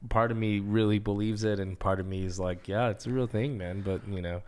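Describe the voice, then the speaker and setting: A man hosting an interview, relaxed and encouraging, often calling his guest "man". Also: on the low side, brisk, clear, resonant tone. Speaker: host. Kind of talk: casual interview chat.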